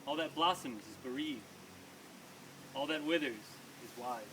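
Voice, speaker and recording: At a small live reading before an audience, a man with a mid-range voice performs his own poems at an unhurried pace. His delivery is emphatic and rhythmic, sprinkled with casual asides. The mic sits far away, and the room is noisy.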